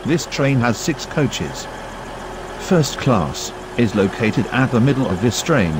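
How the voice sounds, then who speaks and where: A man giving station platform public-address announcements in a game, listing the stops in a measured, even way. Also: medium pitch, background noise.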